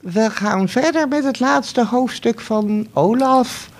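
A woman's voice: on the high side, slow pace, background noise. A woman hosting a radio show, speaking cheerfully with a guest in the studio. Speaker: radio host.

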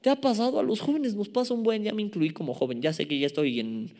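A man's voice: sits high, fast, darkish tone. Mexican man preaching in a reverberant hall. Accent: Mexican Spanish. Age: 30s. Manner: emphatic, repeats key words, playful asides to the congregation. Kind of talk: sermon.

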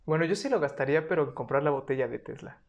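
A young woman with a Mexican accent and a distinctly low voice co-hosts a podcast. She chats off the cuff, using lots of slang and some swearing. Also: lively intonation, fast talker, a little mellow, dull audio. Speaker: podcast co-host. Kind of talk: casual unscripted chat.

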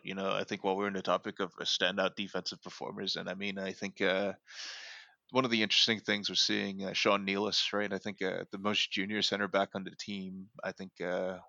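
A man with a deep, bright, forceful voice co-hosts a casual sports podcast, rambling along with plenty of fillers and restarts. It's captured on a home podcast mic, lo-fi but without echo.

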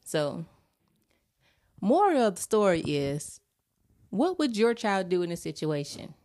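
Speaking at a moderate pace in a sing-song, mid-range voice with a darkish tone, a mother in her thirties tells a family story on her podcast. The casual monologue is chatty and includes questions to listeners, recorded in the studio with no echo.

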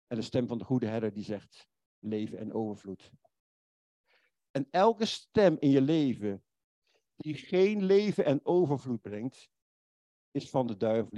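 A man preaching a sermon, earnest and pleading, slowing and softening his voice for the quoted words of God. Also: mid-range voice, dry recording.

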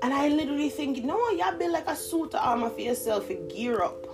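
Music plays in the background as a woman in her thirties gives a casual motivational talk straight to camera for her vlog. She sounds expressive and fairly quick, with a voice that sits high and a Toronto accent inflected by Jamaican Patois, laughing often and switching between slang and standard English.

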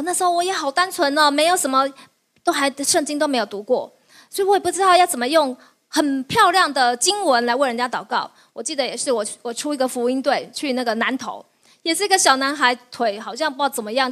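A woman pastor, preaching a lively sermon, often laughing and firing quick questions at her listeners, then answering them herself. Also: high-pitched. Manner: laughs often while teaching.

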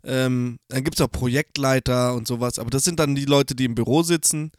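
A man's voice: mid-range voice, steady tone, a little fast, no echo, studio quality. A man co-hosting a casual podcast, teasing and joking. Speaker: podcast co-host. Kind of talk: casual chat.

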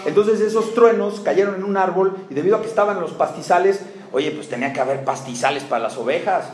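A man's voice: high-pitched, fast. A man with a Mexican accent preaching a sermon, firing rhetorical questions and jokes at the congregation. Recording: roomy hall with faint background noise.

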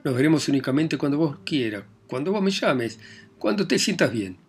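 A man's voice: medium pitch, normal speed, faint music behind, close to an everyday voice. A man reading the lines of a desperate young man who pleads and insists with the woman he loves. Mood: coaxing.

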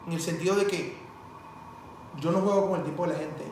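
A man with a Venezuelan Spanish accent tells stories in casual chat and acts out the voices in them. His voice sits a bit high and sounds far from the mic. The room is very echoey. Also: a little fast, slight background noise. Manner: animated storyteller acting out quoted dialogue.

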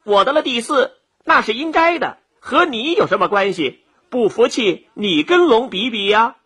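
A quick, proud little rabbit from a storybook, played by a man. He speaks high and dismissive, bright with a husky edge. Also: lively intonation, full character voice. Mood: sniffy. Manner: sniffy and higher-pitched.

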